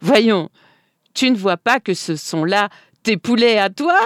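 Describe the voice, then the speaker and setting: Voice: medium pitch, animated, unhurried, fairly bright tone, dry recording, clean studio sound, voice pushed up. A storyteller voicing an exasperated village neighbor pleading with a confused man, in a read-aloud folk tale.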